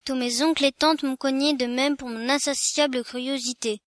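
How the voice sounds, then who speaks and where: A woman's voice: high-pitched, fairly even intonation, normal speed, no room sound, studio quality, close to an everyday voice. A woman voicing a polite, curious young elephant child. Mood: earnest. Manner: very polite, earnest.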